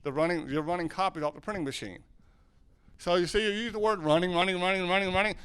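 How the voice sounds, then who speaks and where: Man, from southern Ohio, fairly high voice, smooth and clear, rambling teaching talk, quizzes the audience. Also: quick pace, fairly bright tone. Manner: rambling, self-correcting, asks the audience questions. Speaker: sign language teacher and speaker.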